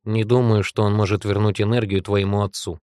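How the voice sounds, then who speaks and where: A man voicing a stern male guardian in a storybook reading, strict and measured with a quiet menace. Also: fairly low pitch, flat delivery, clear, resonant tone, no room sound, clean studio sound, close to an everyday voice. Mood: coaxing.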